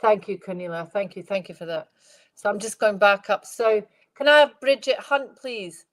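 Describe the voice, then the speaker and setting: With a congested nose, a middle-aged woman medium talks at a normal speed in a mid-range voice while giving a spirit reading on a live stream. Her manner is gentle and rambling, with repeated phrases and viewers greeted by name.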